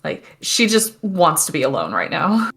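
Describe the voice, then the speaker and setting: A woman's voice: on the low side, wildly swooping pitch, normal speed, fairly bright tone. A woman casually describing her character's actions as a player in a tabletop role-playing game.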